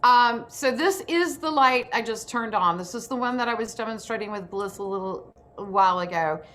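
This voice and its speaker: An acting self-tape instructor leads a casual workshop over video, instructing with enthusiasm from an indoor room. She has a fairly high, slightly bright voice, animated and at a moderate pace. Background noise from the video call is audible.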